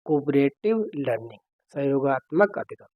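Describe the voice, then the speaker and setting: A man's voice: mid-range voice, expressive, normal speed, warm tone, no echo. A man teaching an exam-prep lesson, working through questions step by step and often checking in with his students. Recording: dry, slightly dull recording.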